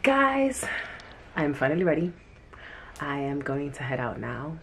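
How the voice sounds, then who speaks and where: A woman dance teacher talks to her viewers in an easygoing vlog. Her voice sits a little low, and she takes her time over every phrase. A steady hiss runs under her phone recording. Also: a little slow. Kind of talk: casual vlog talk to camera.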